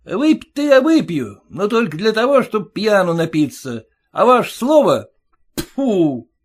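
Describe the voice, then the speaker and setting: A man's voice: sits high, very animated, unhurried, voice pushed up, exaggerated voice. A man voicing a sarcastic, quarrelsome young groom who mocks his new in-laws in a jeering, indignant way. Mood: resentful.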